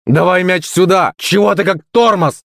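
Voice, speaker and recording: A man's voice: sits high, normal speed, gravelly, fairly bright tone, no room sound, clean studio sound, voice pushed up. A man voicing an arrogant blond teenage boy who captains a team and snaps bossily, in a storybook audiobook. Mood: snappish. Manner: snapping and bossy.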